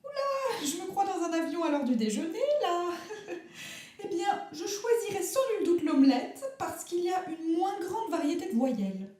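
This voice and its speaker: A woman's voice: very high-pitched, big pitch swings, normal speed, dark tone, heavy reverb, pitched above the performer's own voice. A woman playing a grand, theatrical national actress who is fearful and fussy, speaking in an affected, precious and rambling way in a comic radio sketch.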